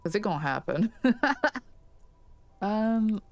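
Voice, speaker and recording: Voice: mid-range voice, lively intonation, slow, a little mellow. Rambling gamer from Louisiana. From Louisiana, USA. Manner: tangent-prone, self-deprecating, swears casually, frequent laughs. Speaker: let's play streamer. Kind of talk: casual rambling commentary.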